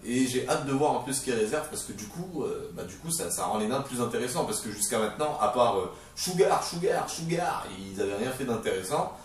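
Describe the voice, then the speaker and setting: A man's voice: medium pitch, quick pace, hardly any pauses, soft background music. Rambling man in a very echoey room. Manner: rambling, hesitant, many fillers and restarts; excitable, playful asides. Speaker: manga review video host. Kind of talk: casual solo video commentary. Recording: very echoey room, voice far from the mic, faint noise.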